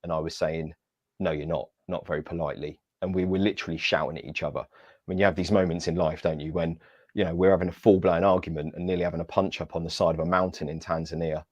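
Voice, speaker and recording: A man with a very low voice tells his story as an interview guest. He is lively and self-mocking, acting out the people he quotes. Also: fast, no room sound, muffled recording. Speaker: guest, Paralympic athlete.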